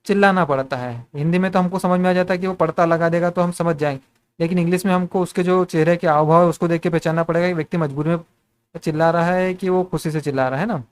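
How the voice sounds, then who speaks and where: A man's voice: fairly high pitch, steady tone, fast, clear, resonant tone. A man teaching spoken English in Hindi, asking the same questions again and again and calling his viewers friends.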